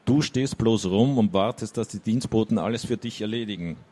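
A man's voice: on the low side, normal speed, a little mellow, lightly acted. A man reading the lines of a brash young woman who speaks bluntly and gets heated. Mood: furious.

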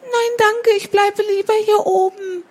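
A woman's voice: very high-pitched, fairly even intonation, a little slow, pitched above the performer's own voice. A woman doing a tiny, timid sparrow child. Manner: polite and timid. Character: small polite fearful sparrow child.

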